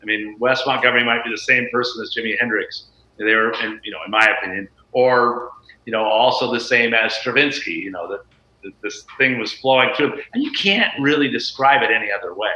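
Bright-voiced man in a roomy lo-fi recording. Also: mid-range voice, fairly quick. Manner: reflective, storytelling, with frequent filler phrases. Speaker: guest, guitarist and teacher. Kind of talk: casual interview chat. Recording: roomy, dull lo-fi sound.

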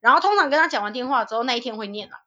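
A young woman chats on a podcast in a bright, forward voice that sits a little high. She tells her stories with energy, acting out what others said and laughing often along the way. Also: very fast, lo-fi sound. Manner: lively storyteller who acts out quotes, laughs often. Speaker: podcast co-host. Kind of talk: casual chat.

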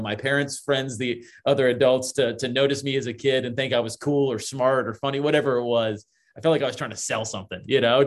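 A man in his forties from Florida, telling his story as a guest in a casual interview, chatty and upbeat. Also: medium pitch. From Florida, USA. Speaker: guest, real estate investor.

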